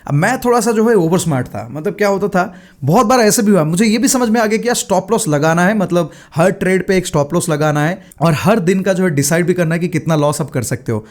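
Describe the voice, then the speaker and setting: High-voiced chatty Hindi-speaking man. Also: lively intonation, quick pace. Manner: chatty, Hindi-English mix, frequent fillers. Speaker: day trader sharing his mistakes. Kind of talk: casual talk to camera.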